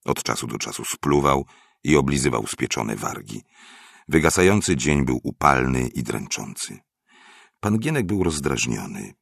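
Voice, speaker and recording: A man narrating a story aloud in a measured, expressive audiobook reading. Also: a bass voice, gravelly, dry recording, studio quality.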